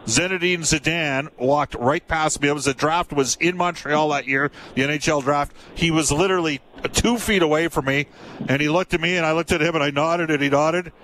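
A man's voice: fairly high pitch, a little fast, fairly bright tone, slight background noise, rough recording. A man in his fifties hosting a sports radio show, chatty and rambling, often losing his thread. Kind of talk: casual sports talk.

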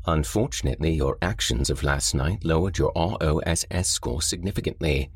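A man voicing a calm, polite artificial facility voice that soothes a prisoner in an even, machine-like manner. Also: a bass voice, moderate pace, breathy edge. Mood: soothing. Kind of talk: storybook horror narration.

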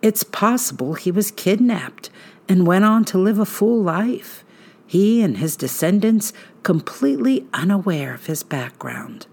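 A woman hosting a podcast, narrating a true-crime script in a suspenseful, measured storytelling manner with dramatic pauses. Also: mid-range voice, expressive, a little mellow.

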